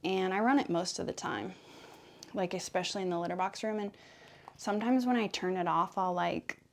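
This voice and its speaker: A woman's voice: lowish voice, brisk, gravelly. A woman chatting casually for ASMR while brushing a cat, rambling playfully and slipping into affectionate talk to her pet. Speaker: vlogger making ASMR videos. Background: cat purring.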